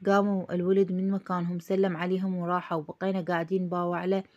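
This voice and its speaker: A woman's voice: fairly low pitch, little pitch movement, quick pace, dark tone, muffled recording. A woman with an Iraqi accent narrating a story in the first person, reading steadily. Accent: Iraqi Arabic.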